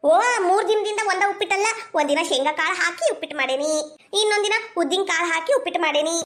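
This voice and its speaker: A woman's voice: extremely high pitch, fast talker, fairly bright tone. A woman with a North Karnataka Kannada accent acting out a village comedy sketch, bickering and scolding as several village women.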